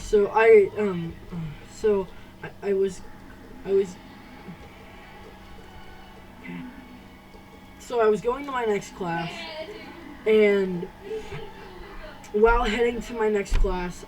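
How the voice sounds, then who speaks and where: A teenage girl telling a personal story to camera, halting, with many restarts and fillers. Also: medium pitch, darkish tone, recorded from a distance, poor audio. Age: teens. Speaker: vlogger. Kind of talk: casual storytime.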